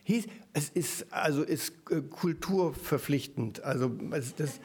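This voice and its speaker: Ein Mann predigt mit auffallend hoher Stimme lebhaft und im Plauderton. Er wendet sich immer wieder mit kurzen Rückfragen ans Publikum. Dabei wechselt er zwischen schnellem Reden und langsamer Betonung. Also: male voice, on the high side, measured pace, husky. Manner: lively, conversational, with frequent asides to the audience. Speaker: preacher. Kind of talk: sermon.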